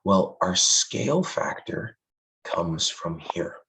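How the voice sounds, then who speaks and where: A man's voice: low voice, expressive, slow pace, vocal fry, sharp tone, rough recording. A male math teacher, losing his voice, explains a lesson in a friendly way and stresses the key points to his students.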